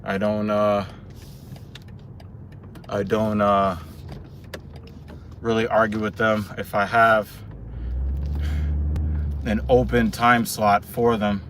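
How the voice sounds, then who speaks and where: Man, out of breath, slow delivery, rambling car vlog, street noise behind. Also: fairly low pitch, little pitch movement, fairly bright tone, far from the mic. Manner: winded, rambling, halting. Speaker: vlogger. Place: in a parked car. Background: outdoor traffic and car noise.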